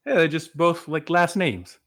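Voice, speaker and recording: A man's voice: a little high, expressive, measured pace, a bit bright. A man from Massachusetts co-hosting a casual sports podcast, playful and joking as he runs a quiz. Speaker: podcast co-host.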